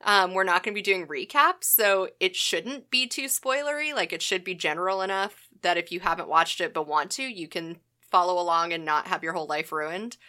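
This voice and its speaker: A woman's voice: lowish voice, expressive, normal speed, pushed and bright. A young adult woman co-hosting a podcast, chatting casually with a dry, playfully exaggerated manner. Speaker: podcast co-host. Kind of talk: casual sarcastic chat.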